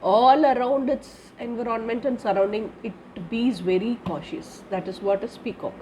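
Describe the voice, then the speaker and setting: This charms card reader speaks at a normal pace in a fairly high, warm voice, her Indian accent colored by a cold and sore throat that leaves her congested and a bit wheezy. The recording is rough with slight background noise. Her casual spiritual reading is instructive and repetitive, with phrases ending in "na."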